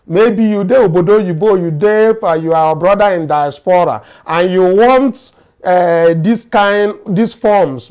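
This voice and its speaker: A man's voice: high-pitched, a little mellow. A man with a Nigerian accent hosting informal political commentary in Nigerian Pidgin, explaining things to his viewers. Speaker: host of a political commentary show. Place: studio.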